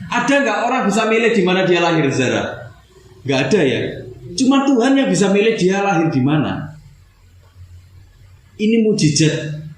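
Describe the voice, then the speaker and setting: A man's voice: high voice, sing-song, moderate pace, pauses often. A man preaching a sermon in a casual, conversational way, often turning to his listeners with a question. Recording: very echoey room with faint noise.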